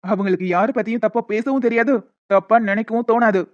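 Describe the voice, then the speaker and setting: A woman's voice: on the high side, fast talker, dry recording, close to an everyday voice. A woman voicing a polite, earnest young man in a cartoon, who turns sharply accusing. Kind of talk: cartoon voice acting. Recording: dull, dry lo-fi recording.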